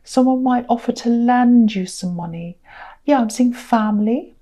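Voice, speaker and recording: A woman giving a casual tarot reading to camera, unhurried and repetitive with many ums, tired and speaking through a sore throat. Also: on the high side, dark tone. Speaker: tarot reader.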